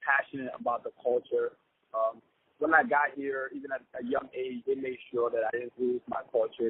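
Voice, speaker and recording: Young man from Ghana, easygoing comedian guest, gravelly husky voice, tinny phone sound. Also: mid-range voice, no echo. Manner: easygoing, upbeat, chatty with fillers. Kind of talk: casual interview.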